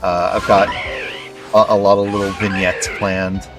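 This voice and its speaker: A male streamer chatting casually at home at night while playing a game, relaxed and rambling with many fillers. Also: low voice, a little slow, music in the background. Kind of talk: casual gameplay commentary.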